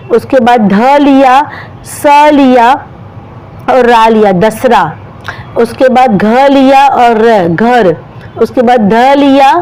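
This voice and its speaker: A woman's voice: fairly high pitch, darkish tone, smooth, rough recording. A woman teacher, spelling out syllables one by one and speaking directly to young children in a step-by-step lesson.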